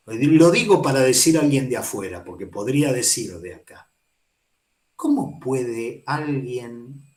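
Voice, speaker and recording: A psychoanalysis teacher with an Argentine accent lectures at a university in a casual, digressive way, regularly checking in with "¿sí?". The voice is medium-pitched and darkish, and the audio is reverberant.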